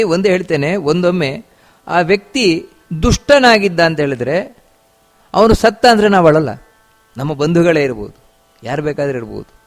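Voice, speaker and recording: A man giving a discourse on scripture, chanting verses and explaining them with repeated phrases and rhetorical questions. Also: high voice. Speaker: religious teacher.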